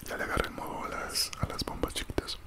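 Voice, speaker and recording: A young man whispers casually in a breathy ASMR style right up at the microphone, chewing gum as he chats. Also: quick pace. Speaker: ASMR creator. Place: small room indoors at home. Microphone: large desktop condenser mic, very close.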